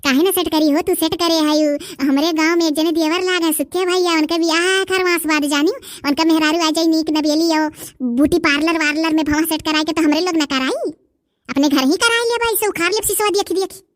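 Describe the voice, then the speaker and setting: Speaking briskly and steadily at a very high pitch, a woman performs cartoon dub voice acting as a bargaining village woman, an adult who is loud and argumentative. She haggles and complains about prices with a rustic eastern Uttar Pradesh Awadhi accent, captured as clean studio sound without echo.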